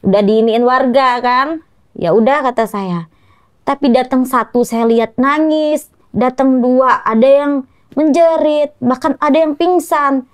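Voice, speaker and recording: A woman's voice: high-pitched, a little slow, clear, resonant tone, dry recording. A woman telling her story in an interview, speaking in short clipped phrases and often quoting what others said. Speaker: guest, mother of the victim. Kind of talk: emotional recounting in an interview.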